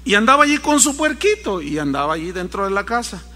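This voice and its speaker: Man, preacher, bright ringing voice, lively swooping pitch, acts out voices. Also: fast talker, long reverb tail. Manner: animated storytelling, acting out voices. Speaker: pastor. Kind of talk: sermon.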